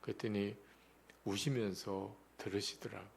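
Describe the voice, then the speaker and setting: A man preaching a revival sermon in a church, telling a story and moving between hushed whispers and emphatic pleas. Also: lowish voice, little pitch movement, normal speed, creaky, slight background noise. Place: church sanctuary.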